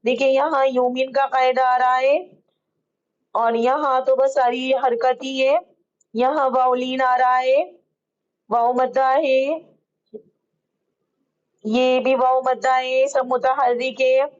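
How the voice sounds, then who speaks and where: A woman teaching how to read Quranic script, explaining each rule slowly and patiently and drawing out the words she recites. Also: sits high, flat delivery, muffled recording. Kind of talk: online Quran reading lesson.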